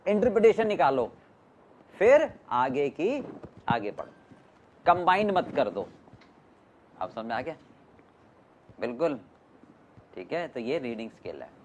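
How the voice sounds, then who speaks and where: Lively, emphatic male teacher. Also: a little high, slight background noise. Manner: lively, emphatic, questions the class often. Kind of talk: classroom lecture.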